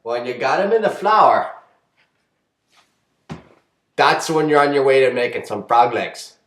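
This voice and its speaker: A man giving a rambling, deadpan comedic how-to monologue, full of fillers and restarts. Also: mid-range voice, unhurried. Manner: rambling folksy delivery with many fillers and restarts. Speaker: comedic vlogger. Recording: echoey roomy sound.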